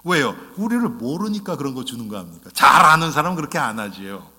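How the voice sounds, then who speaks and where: A male pastor preaching a sermon, animated and questioning, often speaking straight to the congregation and acting out quotes. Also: medium pitch, quick pace. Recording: long reverb of a church hall.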